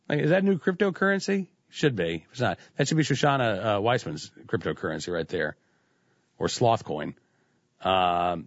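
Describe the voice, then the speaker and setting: A man's voice: mid-range voice, dry recording, highs cut off. A man hosting political talk radio, commenting in a sarcastic, conversational way with frequent restarts. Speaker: radio talk show host.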